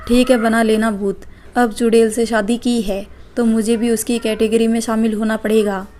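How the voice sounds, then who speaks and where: A woman voicing a teasing, wisecracking young husband in a storybook, in an even, flat delivery. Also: fairly high pitch, moderate pace, natural voice.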